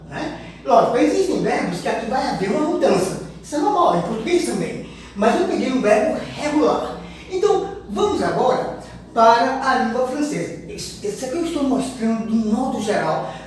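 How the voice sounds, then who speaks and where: A woman teaching a language lesson, explaining and slowly repeating verb conjugations with frequent chuckles. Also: fairly high pitch, darkish tone. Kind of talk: recorded online language lesson. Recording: echoey room, mic far off, faint noise.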